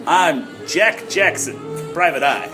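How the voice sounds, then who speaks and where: A man's voice: on the high side, expressive, slow, over music. A man playing a wry, unflappable private eye who narrates his case in short, clipped noir sentences in an improvised audio drama.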